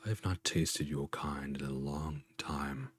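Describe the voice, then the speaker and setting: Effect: crackling, cutting-out mic. Figure: hungry slithering cave serpent, voiced by a man. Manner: slow, low whisper. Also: fairly even intonation, husky, no room sound, full character voice. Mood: menacing. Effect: crackling voice chat mic that keeps cutting out.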